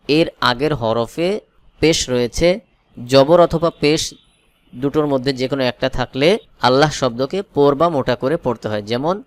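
Brief: male Quran teacher, Bangladeshi Bengali accent, resonant voice, dry close sound, spells out verses then chants them slowly. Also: mid-range voice, dry recording. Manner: slow melodic chanting when reciting verses, plain explaining between. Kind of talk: spelling-out Quran recitation lesson.

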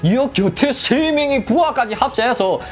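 A man narrating a true crime story in a chatty, vivid way, often starting lines with a quick "yes". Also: very high-pitched, lively intonation, soft background music.

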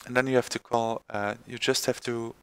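A man presenting a screen-recorded software tutorial, halting with many fillers and restarts. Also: medium pitch, little pitch movement, clear, resonant tone, no echo.

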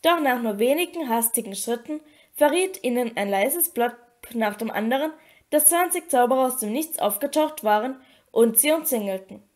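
A woman reading a fantasy novel aloud as an audiobook, with steady, expressive storytelling. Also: a little high, moderate pace. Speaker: audiobook reader. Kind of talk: audiobook narration.

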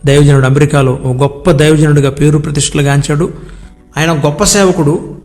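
A man's voice: fairly high pitch, steady tone. A man preaching an earnest devotional sermon, repeating words for emphasis and drawing out key phrases. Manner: earnest, repetitive cadence, drawn-out emphatic words. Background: soft background music.

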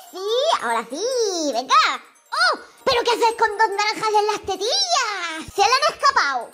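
A woman giving playful commentary on a mobile drawing game, cooing sympathetically at the characters. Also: very high voice. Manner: animated, coos sympathetically at drawn characters. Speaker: gaming channel host. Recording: light children's music behind.

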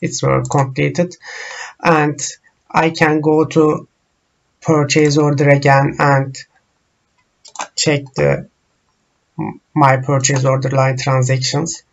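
Slow halting man with a gravelly voice. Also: fairly high pitch, little pitch movement, muffled recording. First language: Turkish. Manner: slow, halting, frequent uh fillers. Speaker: software trainer. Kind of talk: screen-recorded software tutorial.

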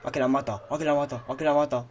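A man with a Spain Spanish accent giving horror let's-play commentary, repeating himself and yelling and swearing at the game. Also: medium pitch, steady tone, rapid-fire, a little hiss or hum. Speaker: gaming channel host.

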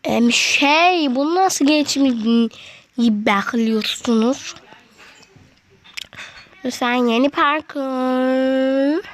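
A woman's voice: high voice, drawn-out words, pauses often. A woman giving casual gameplay commentary, chatting to viewers and getting easily frustrated with the game. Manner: chatty, talks to viewers as friends. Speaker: gaming video creator.

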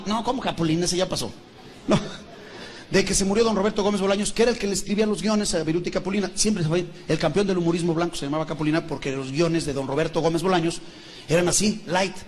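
A man's voice: high voice, fast. A man with a Mexican accent telling jokes as a stand-up comedian, chatty, asking the audience and laughing at his own lines. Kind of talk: joke telling.

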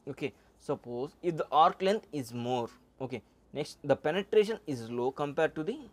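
Male instructor, middle-aged, slide lecture, halting delivery with filler words. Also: fairly high pitch, lively intonation. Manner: halting, frequent "uh" and "okay" fillers. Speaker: welding instructor.

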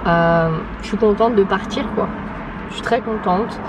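A woman's voice: mid-range voice, a little slow, background noise. A woman from France, an au pair, chatting casually in a vlog with many fillers. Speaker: au pair vlogger.

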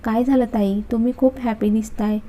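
A woman voicing a gentle young wife who speaks softly and pleadingly. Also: a little high, steady tone, normal speed, natural voice. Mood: curious.

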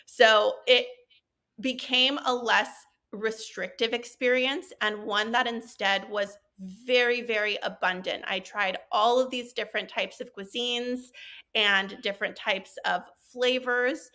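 Bright-voiced woman guest on a video call. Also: mid-range voice. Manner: earnest, heartfelt, explains step by step. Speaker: podcast guest, budget cooking author. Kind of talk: casual interview chat. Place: bright living room at home. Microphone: headset with handheld mic, video call.

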